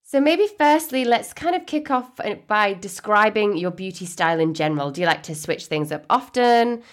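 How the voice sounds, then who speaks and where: A woman's voice: mid-range voice, animated, normal speed. A woman hosting a podcast in a polished, enthusiastic manner, moving between scripted introduction and interview questions. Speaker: podcast host.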